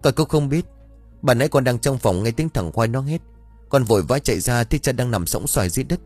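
A man's voice: medium pitch, lively intonation, darkish tone, no room sound, soft background music, pitched above the performer's own voice, lightly acted. A man voicing an anxious young daughter of the house in a spoken story. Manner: anxious and hurried.

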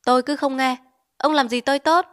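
A woman voicing a quarrelsome older village notable, a man, shouting indignantly in a storybook reading. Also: high voice, steady tone, brisk, pitched above the performer's own voice.

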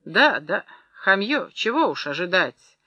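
A woman's voice: medium pitch, very animated, unhurried, pushed and bright, dry recording, lo-fi sound, full character voice. A woman reading an audiobook, voicing a haughty male clerk who speaks sternly with a raised voice.

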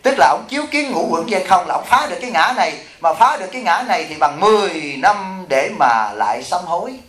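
Middle-aged male abbot, animated sermon storyteller, higher voice, roomy echo. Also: quick pace. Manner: animated storytelling, acting out quoted voices, asking the audience. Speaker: Buddhist monk and abbot. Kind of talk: dharma talk. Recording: echoey hall.

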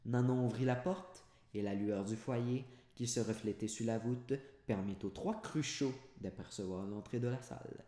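A man's voice: mid-range voice, normal speed, few pauses, warm tone. A man reading a novel aloud unedited, correcting himself and making casual asides. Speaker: audiobook reader and podcaster. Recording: roomy echoey home recording.

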